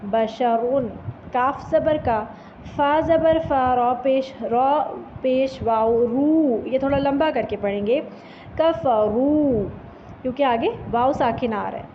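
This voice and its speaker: Lady quran teacher spelling out letters real slow, high voice, bit muffled lo-fi. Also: slight background noise. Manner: slow, drawn-out syllable-by-syllable drilling. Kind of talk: spelling out Arabic letters for students.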